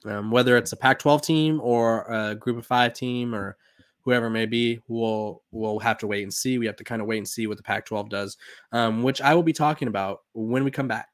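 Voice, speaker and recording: A man's voice: mid-range voice, normal speed, no room sound, clean studio sound. A young man in his twenties hosting a sports podcast, talking casually with lots of fillers and restarts. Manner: rambling, filler-heavy, many "um"s and restarts. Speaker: podcast host.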